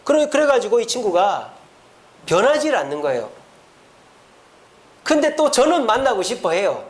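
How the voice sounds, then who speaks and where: Lively Korean pastor telling a story. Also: male voice, high voice, normal speed. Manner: storytelling with acted quotes. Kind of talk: sermon. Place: church sanctuary.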